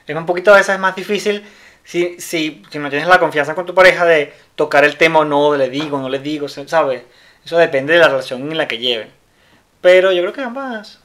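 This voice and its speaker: Easygoing chat show cohost, bright clear tone, trails off hunting for words. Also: mid-range voice, a little fast. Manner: easygoing, searches for words, echoes the co-host. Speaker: co-host.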